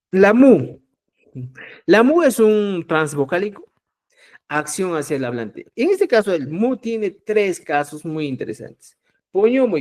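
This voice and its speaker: A man teaching a live online language class, speaking slowly and with emphasis, and often checking whether the students follow. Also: fairly high pitch, darkish tone. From Peru. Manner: checks understanding with repeated "¿ya?"; slow, emphatic drilling of example words.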